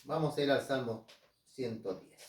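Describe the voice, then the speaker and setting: An earnest male preacher teaching from the Bible and calling his listeners dear brothers. He slows right down to read the verses aloud. His voice sits back from the mic and rings around a roomy, echoing space. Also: mid-range voice, far from the mic. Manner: reads scripture slowly and deliberately.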